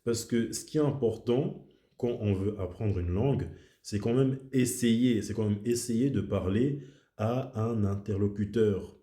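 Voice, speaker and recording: A man's voice: on the low side, a little slow, dark tone, reverberant. A man speaking his native French in a casual, reflective monologue as a video host, often repeating himself for emphasis.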